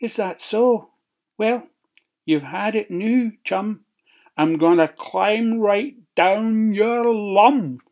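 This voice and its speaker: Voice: medium pitch, extremely slow, darkish tone, highs cut off, pitched above the performer's own voice. A narrator voicing a sly, hungry old grey wolf in a Scottish storybook tale, in a wheedling sing-song. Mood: threatening. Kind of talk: storybook reading.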